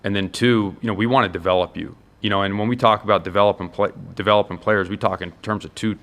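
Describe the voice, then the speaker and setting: An American college football head coach speaks in a lowish, steady voice with a fairly bright tone. He talks fast, earnest and emphatic, laying out his points one by one in a conversational interview.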